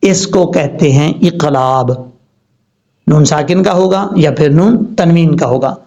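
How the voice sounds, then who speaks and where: A man teaching Quran recitation rules with a Pakistani Urdu accent, spelling out words slowly, letter by letter. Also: a little high, warm tone. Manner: slow, deliberate letter-by-letter spelling. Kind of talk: spelling-out tajweed lesson. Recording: dull lo-fi recording.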